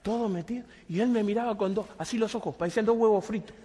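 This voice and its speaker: High-voiced preacher shouting in a hall. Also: male voice, quick pace, breathy edge. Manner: storytelling that builds to shouted emphasis, rhetorical questions. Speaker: pastor. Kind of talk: sermon. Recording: long hall reverb.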